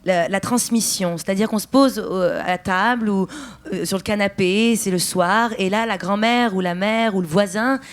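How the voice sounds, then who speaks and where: A woman's voice: medium pitch, normal speed. Thoughtful woman, stage writer. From France. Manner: thoughtful, searching for words with restarts. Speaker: actress and writer, interview guest. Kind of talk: festival interview.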